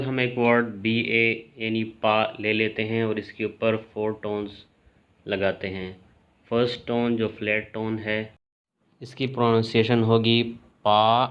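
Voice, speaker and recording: A man teaching a language lesson in a calm, measured way, clearly spelling out each sound. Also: lowish voice, dull audio. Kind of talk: slow explanatory lesson.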